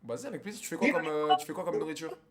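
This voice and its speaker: A man's voice: fairly high pitch, lively intonation, rapid-fire, crowd noise. A man, chatting crudely on a live stream and teasing strangers on video calls. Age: 20s. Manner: crude, slangy, teasing, swears often.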